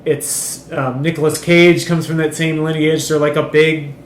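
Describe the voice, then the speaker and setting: A man's voice: a little high, flat delivery, normal speed. A man co-hosting a podcast, chatting casually and rambling, with frequent ums and swearing. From Chile. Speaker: podcast co-host. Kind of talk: casual chat. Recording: echoey room, faint noise.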